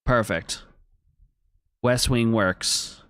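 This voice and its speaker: Captured in a clean, dry studio recording, a man with a medium-pitched, fairly bright and clean voice drags out his words as he streams a game. He muses aloud, talks with his audience, and reads the on-screen text in relaxed let's-play commentary.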